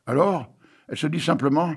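A man's voice: on the high side, a little fast, creaky, breathy edge. An older man reading a tale and poems aloud in a theatrical way, breaking off for wry joking asides. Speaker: reader.

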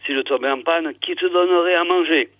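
A man's voice: a little high, a little fast, no echo, voice pushed up, close to an everyday voice. Guy reading a sweet fussy robot maid, tinny dry radio sound. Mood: tender. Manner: tender, fussing. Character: gentle female robot housekeeper.

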